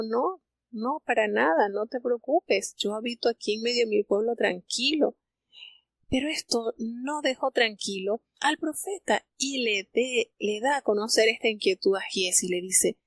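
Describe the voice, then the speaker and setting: Gravelly-voiced woman retelling a Bible story. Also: medium pitch, a bit bright, no room sound. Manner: retells scripture as a story, quoting characters' dialogue; unhurried, with frequent fillers and restarts. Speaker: Bible teacher. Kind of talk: live Bible reading commentary.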